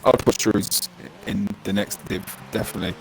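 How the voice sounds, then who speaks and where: London man, gravelly, glottal stops. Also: lowish voice, steady tone, normal speed. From London, England. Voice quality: glottal stops, dropped T's. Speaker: co-commentator, league racer. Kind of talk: casual livestream race commentary. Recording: noisy, glitchy online voice chat.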